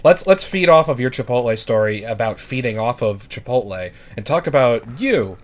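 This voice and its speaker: A man in casual podcast banter with a mid-pitched voice. He trades wry, crude jokes. His delivery stays dry and teasing. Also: lively intonation, normal speed. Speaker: podcast co-host. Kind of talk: casual chat.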